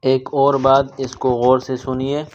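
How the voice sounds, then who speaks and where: A man teaching children to read the Quran, explaining each letter patiently and drawing syllables out slowly in recitation. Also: mid-range voice, completely flat delivery, lo-fi sound. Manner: slow, drawn-out syllable-by-syllable recitation between explanations. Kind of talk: step-by-step recitation lesson for kids.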